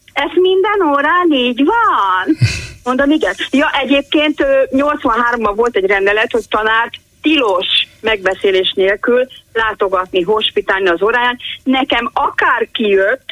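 Bright-voiced older woman rambling on a call. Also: a little high, no room sound, poor audio. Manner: rambling, digressive storytelling with many restarts. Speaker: caller, retired teacher. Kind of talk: call-in radio chat.

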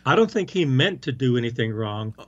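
A man of ordinary pitch talking casually about a film, firm and emphatic. He keeps repeating his main point. The recording is dull and lo-fi. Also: sing-song, brisk. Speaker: co-host discussing a film. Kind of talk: casual chat.

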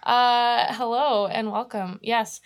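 A woman's voice: on the high side, steady tone, slow pace, slight background noise. A woman in her thirties co-hosting a podcast, chatting casually and informally in a rambling way as she introduces a guest. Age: 30s. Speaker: podcast co-host.

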